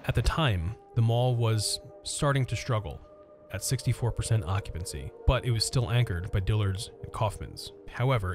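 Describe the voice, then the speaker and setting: A man narrating the history of an abandoned mall as a scripted voice-over, measured and informative. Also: lowish voice. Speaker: urban exploration vlogger narrating history.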